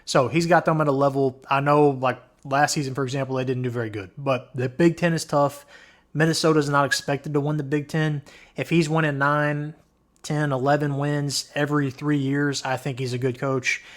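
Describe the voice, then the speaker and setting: A man's voice: fairly high pitch, steady tone, moderate pace. A man hosting a college football countdown, talking casually and starting each point with "all right", while he is losing his voice. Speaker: host.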